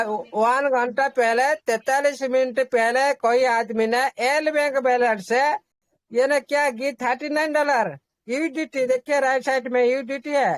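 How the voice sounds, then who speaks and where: A man's voice: very high voice, dry recording. A man hosting an online group meeting, explaining casually, repeating himself and reassuring the listeners while mixing in English terms.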